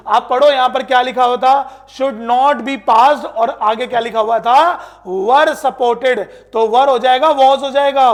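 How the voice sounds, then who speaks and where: A man with a very high-pitched voice teaches an exam-prep English grammar lesson. He keeps asking the class questions and then answers them himself. He reads English example sentences out slowly, word by word, with an Indian accent. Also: creaky.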